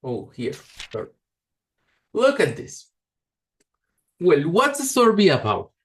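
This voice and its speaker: A male teacher leads an online English lesson over a video call. He is patient and encouraging, correcting pronunciation gently as he goes. His intonation is very lively, rising and falling freely through every sentence. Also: sits high, takes it slowly.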